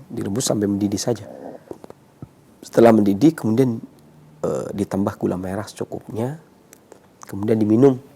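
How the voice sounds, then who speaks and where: A man's voice: on the low side, creaky, mellow, breathy edge. A man giving explanatory health advice, repeating himself and often punctuating with a checking tag word. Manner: repetitive, checking with 'ya'. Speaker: herbal health consultant.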